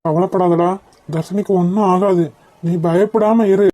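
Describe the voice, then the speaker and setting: Steady cartoon friend voiced by a woman, soothing, mellow and dry. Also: a little high, moderate pace, dry recording, natural voice. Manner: soothing, urging patience. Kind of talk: cartoon voice acting.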